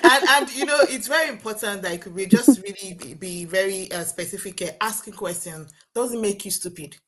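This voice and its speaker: Woman podcast host, affirming and emphatic, mid pitch. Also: moderate pace, crowd noise. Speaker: podcast host, nurse coach. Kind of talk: conversational interview.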